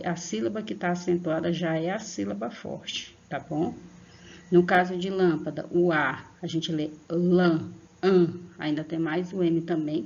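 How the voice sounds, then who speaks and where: Lady teacher, low voice, going slow over vowel sounds for little kids, kinda muffled lo-fi audio. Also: creaky. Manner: patient, repeats and draws out sounds, checks in with "tá?"; affectionate toward pupils. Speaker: primary school teacher. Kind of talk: online grammar lesson for children.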